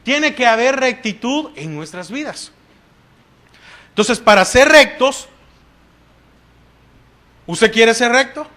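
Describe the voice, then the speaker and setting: Slow, bright-voiced Salvadoran preacher. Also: male voice, very high-pitched, lively intonation. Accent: Salvadoran Spanish. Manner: asks the congregation questions and answers them, punctuated with "amén". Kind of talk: sermon. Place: church.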